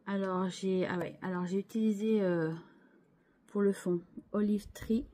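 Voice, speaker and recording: A woman's voice: medium pitch, steady tone, unhurried, mellow. A woman hosting her scrapbooking channel, chatting casually as she shows her craft pages, hesitant and full of restarts, with chatty asides to viewers.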